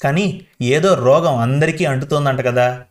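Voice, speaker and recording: A man's voice: medium pitch, a little slow, natural voice. A man reading the part of a frail, beaten 78-year-old grandmother, pleading and tearful in a storybook reading. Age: older. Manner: tearful pleading, addressing the listener as child.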